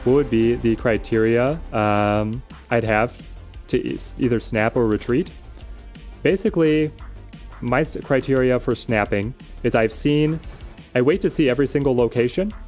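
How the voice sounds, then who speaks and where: A man's voice: medium pitch, moderate pace, darkish tone. A man giving casual live game commentary as a streamer, thinking aloud and explaining strategy in a conversational way. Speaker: game streamer answering viewers' questions. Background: music.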